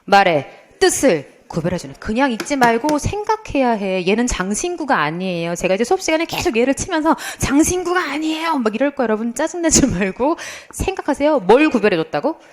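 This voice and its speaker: A woman's voice: on the high side, brisk, few pauses. A middle-aged woman lecturing for an exam prep course, quizzing students and then answering her own questions in a playful way. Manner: lively, asks students questions and answers them herself; playful, imitates sounds and tells funny anecdotes. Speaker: Korean language lecturer.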